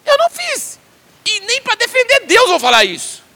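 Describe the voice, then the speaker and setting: A man's voice: huge pitch swings, normal speed, sharp tone, in a large hall, full character voice. Job, a preacher acting out an anguished man crying to God. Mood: pleading. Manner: crying out, high strained voice. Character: anguished suffering man Job, bitter and pleading.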